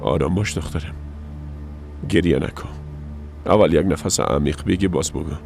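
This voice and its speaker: A stern gravelly father. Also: a bass voice, soft background music. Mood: firm soothing. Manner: calm commanding, turning urgent. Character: stern middle-aged father and interrogator. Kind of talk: dubbed drama dialogue.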